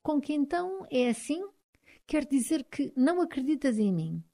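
A woman with a European Portuguese accent voicing an angry, proud young Highland husband, speaking emphatically with a raised voice. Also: very animated, normal speed, dark tone. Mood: heated.

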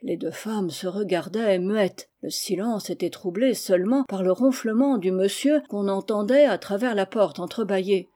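A woman narrating a humorous novel aloud, with steady, even storytelling. Her voice is mellow and warm, at a middle pitch. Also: normal speed, few pauses. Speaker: audiobook reader.

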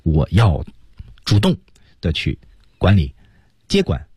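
Deep husky male voice teacher. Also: huge pitch swings, takes it slowly, a little mellow, dry recording. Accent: Mandarin Chinese. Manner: explains stress and phrasing, sings demonstrations. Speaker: English singing teacher. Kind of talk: bilingual song lesson. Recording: dry studio radio mic.

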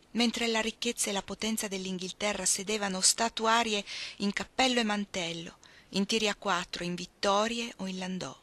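Brief: female reader for literary narration, measured and expressive, bright voice. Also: medium pitch. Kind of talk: scripted narration of a novel.

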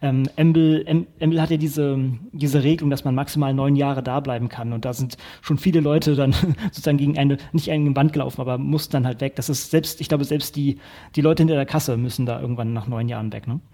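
A man hosting a casual interview podcast, talking in a relaxed, rambling way with many restarts. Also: medium pitch, a little fast. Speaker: podcast host.

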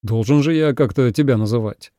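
A man's voice: medium pitch, a little fast, warm tone, no echo, studio quality, lightly acted. A man voicing a proud, touchy young male crow who speaks with self-important airs. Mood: haughty, touchy. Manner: pompous, easily offended.

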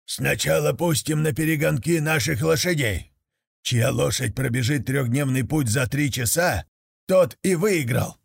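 A man doing a greedy, domineering khan from a storybook, with a heavily gravelly voice. He drags every word out slowly and sits above the narrator's usual pitch. He barks his commands as if calling across a yard. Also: no room sound, studio quality, heavily acted. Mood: scheming. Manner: slow, bellowing commands.

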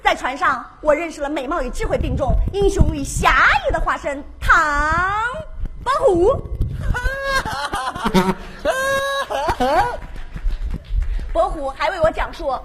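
A woman performing a playful, animated comic monologue with sudden outbursts. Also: high-pitched, normal speed. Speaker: comedian.

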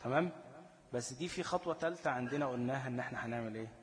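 An Egyptian man teaches recitation rules in a mid-pitched voice, tossing questions at the listener and then answering them himself. He draws out the chanted examples slowly, and a long reverb trails his words. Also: a little hiss or hum. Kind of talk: tajweed lesson in colloquial Egyptian Arabic.

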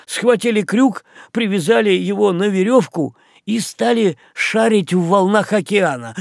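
A stubborn, blunt sailor, as a male reader puts him on, voice pushed up high and loud. It has a gravelly edge and swings widely in pitch. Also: no echo, clean studio sound, heavily acted.

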